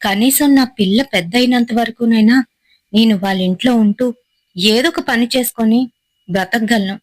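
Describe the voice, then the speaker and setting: A woman's voice: a little high, moderate pace, darkish tone, no room sound, lightly acted, rough recording. A woman voicing a wronged young wife and mother who speaks in a bitter, heartfelt, resolute way. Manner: bitter, heartfelt first-person telling.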